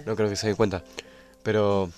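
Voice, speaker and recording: A young Argentine man in a relaxed podcast chat, speaking hesitantly. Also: fairly low pitch, normal speed. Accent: Argentine Spanish. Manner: relaxed, hesitant, uses fillers.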